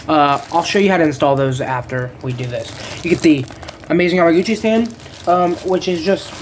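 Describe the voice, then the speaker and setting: Rambling, laid-back figure reviewer at a middling pitch, loses track of names and swears offhandedly. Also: darkish tone, slight background noise. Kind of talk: casual unboxing review.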